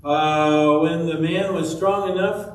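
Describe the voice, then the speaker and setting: A man's voice: fairly high pitch, steady tone, slow, slight background noise. A man reading a rhyming story to children in a church, coaxing them to fill in the rhyming words in a playful way. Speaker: children's talk leader. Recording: echoey church from a distant mic.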